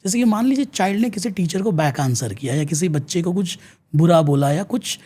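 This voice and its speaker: Husky Indian man giving animated advice. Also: high-pitched, brisk. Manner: earnest, lecturing, switching between Hindi and English mid-sentence. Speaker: guest, teacher and counsellor. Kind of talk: explanatory advice in mixed Hindi and English.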